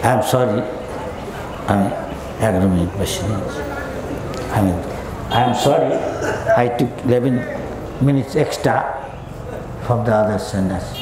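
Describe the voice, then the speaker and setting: A male preacher giving an animated devotional sermon, telling stories and leading his listeners. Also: on the low side, very slow, pauses often, noisy background. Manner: storytelling, animated, leads the crowd in chanting. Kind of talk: devotional sermon in mixed Bengali and English. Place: large festival hall with a crowd. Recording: echoey hall with crowd.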